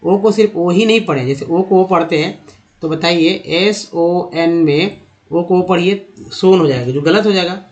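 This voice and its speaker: Guy teacher, fairly high voice, asks stuff then answers it himself, says words over n over slow. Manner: asks and answers his own questions; repeats words slowly to model pronunciation. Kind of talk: explaining lesson over slides.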